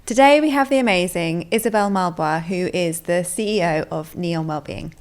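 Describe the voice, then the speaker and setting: A woman's voice: fairly low pitch, moderate pace. A woman interviewing conversationally as a podcast co-host.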